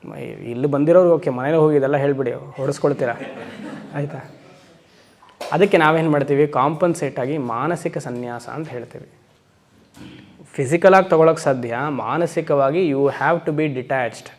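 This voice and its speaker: A swami teaching Vedanta to a class. He keeps putting questions to his listeners and slows down for emphatic English phrases. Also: a little high. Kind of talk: spiritual lecture to a class. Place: lecture hall.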